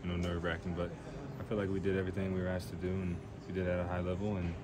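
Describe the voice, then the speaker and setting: The setting is a very noisy weight room, where a young adult college quarterback answers reporters' postgame questions into handheld mics. He talks very fast in a low monotone, plain-spoken and filling his answers with fillers.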